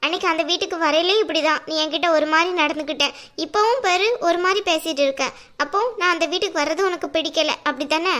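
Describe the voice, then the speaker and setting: A woman's voice: very high voice, fast, bright, forceful tone. A woman voicing a cheeky, argumentative younger sister in a cartoon who needles her elder sister. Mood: needling.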